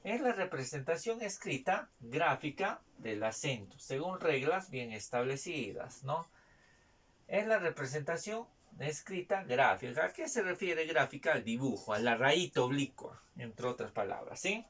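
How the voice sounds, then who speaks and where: A man teaching a spelling lesson, repeating each point and checking in with quick tag questions. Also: a little high, animated, fairly bright tone. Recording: distant mic, faint noise.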